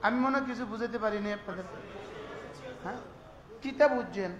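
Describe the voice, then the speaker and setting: A male preacher with a high voice delivers a sermon in an echoey space with faint ambient noise and dull audio. He often puts questions to the crowd and chants prayers in a slow, drawn-out way.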